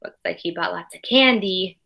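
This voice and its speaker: With a low-leaning, gravelly voice that is still bright and forceful, a woman teaching young children reads them a storybook expressively at a moderate pace. As an early primary teacher, she also chats with them in asides along the way.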